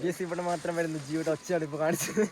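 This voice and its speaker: Fast, chatty male travel vlogger with a fairly high voice, outdoors on a rainy trail. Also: little pitch movement, noisy background. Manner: chatty, addresses viewers as guys. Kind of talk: casual travel vlog commentary to viewers.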